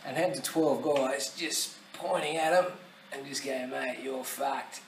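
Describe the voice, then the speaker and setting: A man's voice: fairly high pitch, a little slow, heavy background noise. An Australian man giving his opinions in a blunt, profane, rambling monologue full of fillers. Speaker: vlogger. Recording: roomy sound, somewhat distant from the mic.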